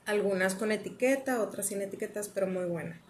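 A young woman with a Mexican accent, chatting casually and telling lively, slangy stories as a podcast co-host. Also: medium pitch, a little fast, slight background noise. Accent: Mexican Spanish. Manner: animated, slangy, acts out quotes. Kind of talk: casual storytelling chat.

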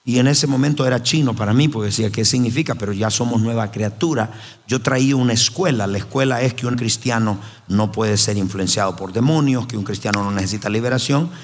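Predicador enfático en una iglesia con eco. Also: male voice, fairly quick. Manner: emphatic, storytelling, voice swings high and low. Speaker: pastor. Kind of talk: sermon. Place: church hall. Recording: roomy hall reverb with faint ambience.

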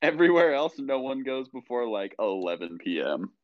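A young man co-hosts the podcast, teasing his friends and bragging with easy confidence. His mid-pitched voice comes through dry and slightly muffled, with a lo-fi dullness to it. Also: very animated, moderate pace, no echo. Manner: teasing, boastful. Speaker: podcast co-host. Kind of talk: casual chat. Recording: dry, dull lo-fi sound.

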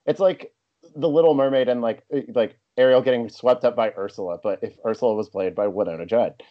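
A man's voice: mid-range voice, a little fast, muffled recording. A man co-hosting a podcast, joking in casual chat with rambling asides. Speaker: podcast co-host.

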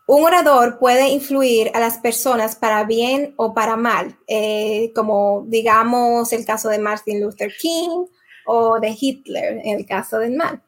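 Slow-talking woman hosting an interview. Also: on the high side, a bit bright. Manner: hesitant, many fillers. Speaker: host. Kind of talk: interview questions.

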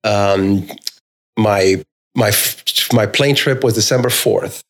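A gravelly, somewhat low-voiced man in his fifties who grew up in Romania. He speaks as a podcast guest, telling his story in short, emphatic phrases. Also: slow. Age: 50s. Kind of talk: casual conversation.

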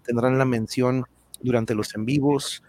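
A Mexican man hosts his livestream channel conversationally, addressing viewers directly with slangy, thankful phrases. His voice sits in a normal male middle range, steady, a little slow and a little mellow.

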